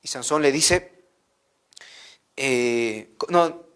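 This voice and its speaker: A man with a Peruvian accent telling a Bible story to children as a catechist, animated and repetitive, often checking in with "¿no?". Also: mid-range voice, drawn-out words, clear, resonant tone. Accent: Peruvian Spanish.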